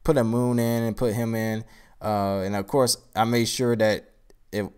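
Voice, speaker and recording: A man with a somewhat low voice, groggy and worn out after a long day. He talks loosely and thinks aloud, wandering through casual explanations on a live stream. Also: flat delivery, measured pace, darkish tone, smooth. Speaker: card game creator.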